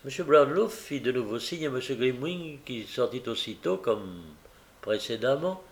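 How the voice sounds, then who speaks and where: A man reading a classic novel aloud as an audiobook, in a measured, theatrical manner. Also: medium pitch, animated. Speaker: audiobook reader.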